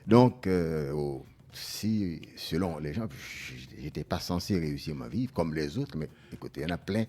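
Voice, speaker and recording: A deep-voiced older man born in Haiti speaks as a radio guest. He tells his story reflectively, pausing with fillers and restarting phrases. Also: animated, dark tone. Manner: reflective storytelling with frequent hesitations. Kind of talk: radio interview.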